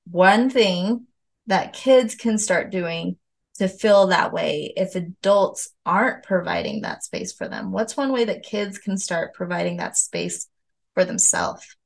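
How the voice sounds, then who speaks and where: A woman's voice: mid-range voice, unhurried, vocal fry. A woman in her thirties hosting a parenting show, reflective and affirming as she chats and paraphrases back what she hears. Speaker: parenting podcast host and mother. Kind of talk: casual conversational interview.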